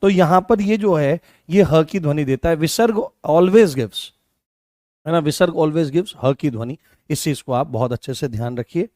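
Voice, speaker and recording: A man's voice: on the high side, unhurried, warm tone, dry recording, clean studio sound. Hindi teacher quizzing his class. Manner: repeats key points and quizzes students with questions. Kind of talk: online live class.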